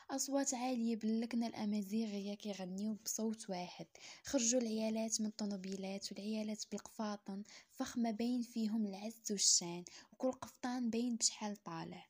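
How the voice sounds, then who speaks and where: A Moroccan woman narrates a dramatic tale at a brisk pace. Her voice is husky and breathy, and she often drops into a whisper. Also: medium pitch, a little mellow. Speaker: storyteller.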